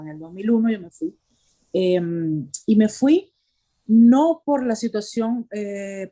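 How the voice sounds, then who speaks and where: A woman from Venezuela giving personal testimony in an interview, hesitant and pausing often to search for words. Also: lowish voice, warm tone.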